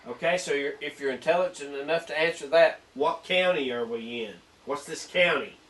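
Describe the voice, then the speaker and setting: A man, a paranormal investigator, gives excited ghost-hunt commentary and puts questions aloud inside an old building at night. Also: fairly high pitch, normal speed. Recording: distant echoey room with faint hiss.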